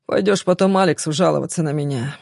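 A woman voicing an arrogant young man in an audiobook, speaking low, quiet and mocking. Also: fast, creaky, dry recording, clean studio sound.

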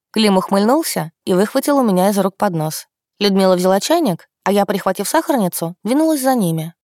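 A woman reading a novel aloud in the first person, in a smooth, even storytelling manner. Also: medium pitch, dry recording, clean studio sound. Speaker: audiobook narrator. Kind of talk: first-person audiobook narration.

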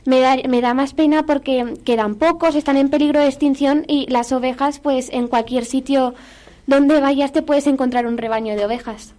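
A woman sharing her opinion in a thoughtful, measured way during a casual radio chat. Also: high voice, fairly even intonation, mellow.

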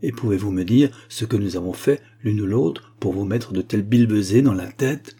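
A man voicing an angry, sharp-tongued spinster who scolds with indignation. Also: on the low side, normal speed, breathy edge. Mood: indignant.

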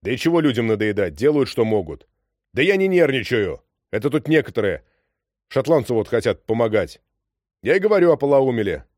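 A man voicing a harried middle-aged sea captain who is anxious and touchy and shouts defensively. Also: medium pitch, sing-song, a little fast, dry recording, clean studio sound. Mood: irritated.

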